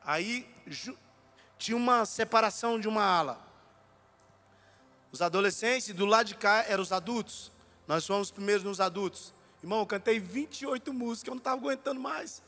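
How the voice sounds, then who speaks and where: A brisk, high-sounding male preacher tells stories in a church sermon, his voice trailing off in a long reverb. Bursting with energy, he voices the characters' lines and raises his voice to a shout at times.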